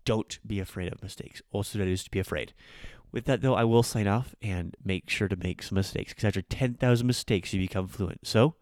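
A man's voice: lowish voice, brisk, darkish tone, dry recording, clean studio sound. A man hosting a casual, chatty language lesson as a podcast teacher, with rolled R's when he speaks Japanese. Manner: informal, chatty, explains with acted-out examples. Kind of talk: casual spoken grammar lesson.

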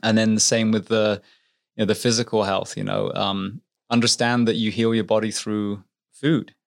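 A middle-aged man with an English accent speaks in a low, steady voice. He talks as an interview guest, earnest and reflective. He gives advice from experience. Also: normal speed, vocal fry. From England. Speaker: podcast guest, firefighter and author. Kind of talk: conversational interview.

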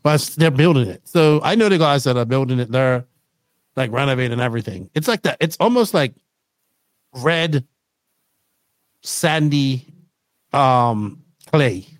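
A man's voice: mid-range voice, expressive, unhurried, long pauses, no echo. A man hosting a podcast, chatting casually and eagerly pressing his guest with questions. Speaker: podcast host. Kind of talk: casual interview chat.

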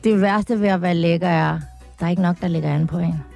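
A woman's voice: lowish voice, fairly even intonation, vocal fry, dark tone, faint music behind. A woman talking as a podcast guest in casual chat, hesitant and full of fillers, laughing often.

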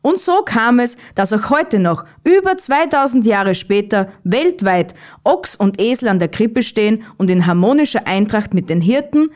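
A woman narrating a Christmas children's story in a calm, even reading voice. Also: mid-range voice.

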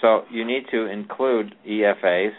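On a call-in radio show with tinny, phone-like audio, a physician with a lowish, steady voice gives a caller advice at a moderate pace. His advice rambles, full of fillers and frequently restarted sentences.

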